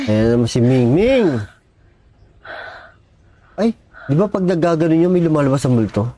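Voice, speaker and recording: Man, vlogger, reaction commentary, jumpy, curses when startled, animated pitch. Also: moderate pace. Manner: chatty running commentary to viewers.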